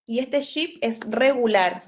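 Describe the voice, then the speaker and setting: A young woman with a Chilean Spanish accent teaches English grammar in an online class, speaking slowly at a fairly high pitch. She is patient and explanatory, checking often that students understand.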